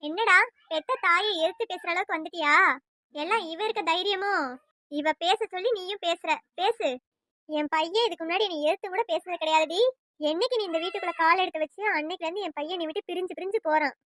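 A woman voicing a nagging, sharp-tongued middle-aged mother-in-law in a family cartoon. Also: fast talker, no room sound, clean studio sound. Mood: scolding. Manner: nagging, taunting, shrill. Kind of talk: cartoon voice acting.

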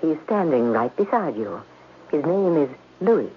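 Deep and sing-song, this actress's voice proceeds at a measured pace as she plays a cold, threatening, haughty woman in a 1970s radio drama. She speaks formally and condescendingly. Audio is a muffled, noisy vintage radio recording.

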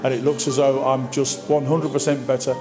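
Older man, higher-voiced, over music. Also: little pitch movement, fairly quick. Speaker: interviewee, town crier. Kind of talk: personal account to camera. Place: indoors in a hospital corridor.

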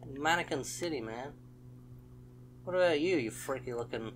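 A man's voice: medium pitch, animated, moderate pace, a bit bright, a little hiss or hum. A young man hosting a horror let's play, commenting as he goes and yelping at the scares. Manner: jumpy, exclaims and yelps at scares.

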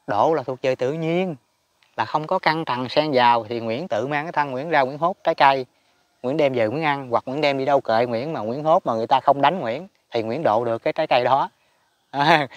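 A man's voice: mid-range voice, no echo, dull audio. A man giving a casual Buddhist teaching talk, chatty and emphatic, chuckling often. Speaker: spiritual teacher.

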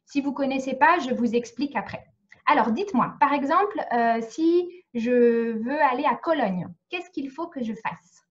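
A woman's voice: high voice, expressive, moderate pace, highs cut off. A woman from France teaching French in a live online lesson, explaining patiently and checking often that students follow. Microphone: video call.

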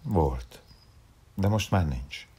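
A man reading aloud and voicing a lonely, gentle old clown, speaking softly and tenderly in a husky, half-whispered voice. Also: sits low, lively intonation, full character voice.

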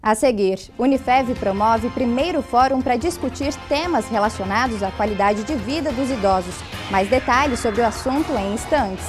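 A young woman anchors the news from a studio, reading with clear composure. Her voice sits a little high, with faint music behind. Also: normal speed, hardly any pauses.

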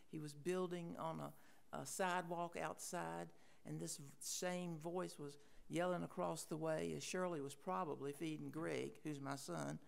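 A woman, reading a homespun, gently humorous tribute to a neighbor at a funeral in a chapel. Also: lowish voice, vocal fry. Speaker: neighbor giving a eulogy.

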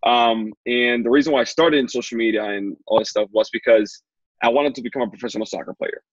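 A husky, medium-pitched man in his 20s from the Dominican Republic, an Instagram consultant, is a guest in a casual video-call interview from a small room at home. He speaks fast and chattily, with many fillers and repeats. His earbuds make the call audio muffled, dull and dry.

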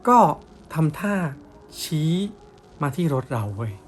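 A man's voice: fairly high pitch, very animated, slow, a little hiss or hum. Young man telling a slangy ghost story. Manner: blunt slangy storytelling with coarse words. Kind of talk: casual spoken ghost story.

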